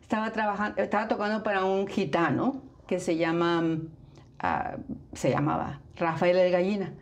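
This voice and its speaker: A woman's voice: on the low side, fairly even intonation, normal speed. An older woman from Mexico with a Mexican Spanish accent, chatting in an interview and dropping in English phrases. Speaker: guest, flamenco dancer. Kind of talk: casual interview chat.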